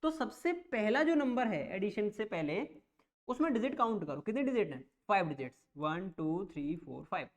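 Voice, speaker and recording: A man's voice: high-pitched, lively intonation, moderate pace. A man teaching an online math lesson as a coaching teacher. He talks patiently, repeats each step and keeps checking whether the students follow. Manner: reassuring, plain explanations.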